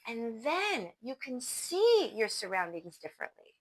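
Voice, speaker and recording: A woman's voice: on the high side, big pitch swings, a little slow, poor audio. A young adult woman vlogging, telling a personal story in a casual, enthusiastic way, full of fillers like "like" and "you know.".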